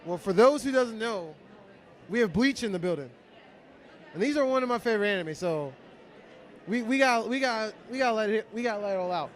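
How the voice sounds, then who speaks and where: A man co-hosting convention interviews, excitable and quick to laugh, often restarting his sentences. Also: high-pitched, some chatter behind. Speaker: co-host, interviewer. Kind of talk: casual interview chat. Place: outdoors at a fan convention.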